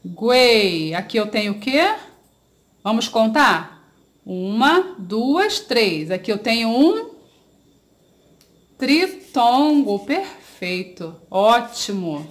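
A woman's voice: fairly high pitch, big pitch swings, takes it slowly, long pauses. A woman with a Brazilian Portuguese accent teaching a children's grammar lesson, drawing out syllables, asking pupils questions and praising their answers.

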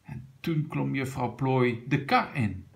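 Gravelly man reading a picture book aloud. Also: medium pitch, lively intonation, slow. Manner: gentle, points at the pictures. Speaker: reader of a children's story.

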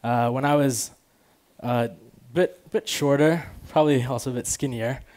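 Speaking into a headset on a big auditorium stage with an audience, this roughly twenty-year-old conference speaker talks casually and conversationally, peppering his words with "like" and "you know." Born in Afghanistan, he is an American from Chicago. His mid-range voice is a little mellow, with a steady tone at normal speed.

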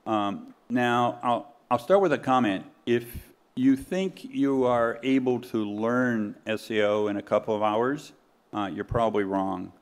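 A man's voice: mid-range voice, unhurried, smooth. A man moderating a conference panel, speaking plainly and putting questions to the other panelists. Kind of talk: conference keynote panel talk. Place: conference hall stage, in front of an audience.

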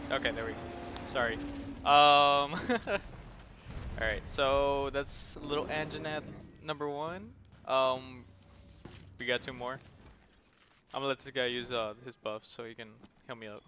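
A man's voice: medium pitch, steady tone, unhurried, long pauses, noisy background. A young man in the middle of his range talks loosely over his game at home, rambling and cursing freely. He laughs often and keeps the chat easygoing. Game music plays behind his voice. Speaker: gaming video host. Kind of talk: casual gameplay commentary.

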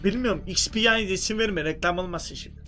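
A man streaming a shooter game, chatting excitably and cursing, sometimes yelling into voice chat. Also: sits high, fast talker, soft background music. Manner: excitable, swears a lot, yells greetings into voice chat. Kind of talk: casual gaming commentary.

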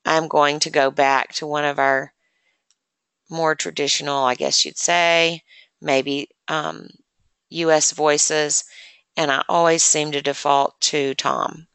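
A woman presenting a software demonstration lesson, explaining step by step in a chatty way with many fillers, close to the mic. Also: sits low, flat delivery, slow pace, clear, resonant tone, no room sound. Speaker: assistive technology presenter.

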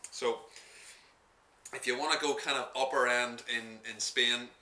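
Casting note: Irish man, bright tone, upbeat wine-tasting chat, recorded from a distance in an echoey room. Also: medium pitch, steady tone, a little slow. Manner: enthusiastic, chatty, with restarts. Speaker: wine merchant reviewing a wine. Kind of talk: casual wine tasting review.

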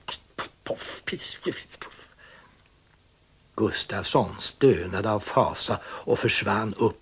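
Raspy male storyteller, very animated delivery, children's tale. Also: mid-range voice. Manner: expressive, dramatic storytelling.

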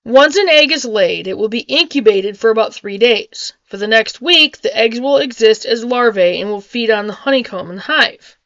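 Speaking at a normal speed with few pauses, a middle-aged woman who vlogs on homesteading reads an article in her small home kitchen, which has a wood-panel ceiling, chatting in asides and sometimes garbling hard words before repeating them. Her fairly high, slightly bright voice has lively intonation. The webcam recording has no room sound but is muffled.

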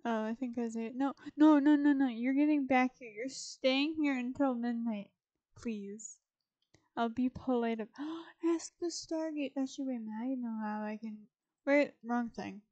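A woman's voice: a little high, normal speed, warm tone, dull audio. A young woman chatting casually over a life-sim game, rambling and talking to her characters. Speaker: gaming YouTuber. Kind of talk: casual Sims gameplay commentary.

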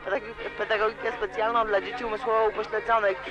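A woman's voice: mid-range voice, little pitch movement, fast talker. A woman in her twenties giving a rambling, emotional party interview, heard on old worn tape. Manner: rambling, emotional, keeps saying "you know". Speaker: student radio interviewee. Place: student club during a party. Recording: dull lo-fi old cassette tape. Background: loud music.

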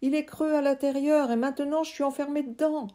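A woman's voice: high-pitched, steady tone, brisk, mellow, pitched above the performer's own voice, close to an everyday voice. Woman voicing a cheeky boy trapped in a tree. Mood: urgent.

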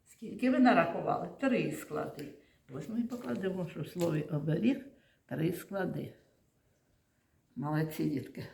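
A woman's voice: on the low side, moderate pace, creaky, dark tone. A woman teaching a lesson to young children in a classroom, patient and coaxing, often praising them. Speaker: primary school teacher. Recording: echoey classroom.

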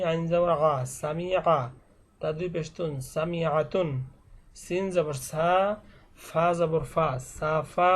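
A man teaching Quran reading online, slowly spelling out Arabic syllables one by one and patiently repeating them for practice. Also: a little high. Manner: slow, drilled spelling-out of syllables. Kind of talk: online recitation lesson.

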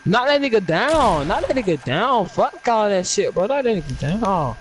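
Young male gamer, high and animated, trash-talking his opponents. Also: moderate pace, slight background noise. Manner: taunting, repetitive, swearing. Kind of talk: trash-talking gameplay chat.

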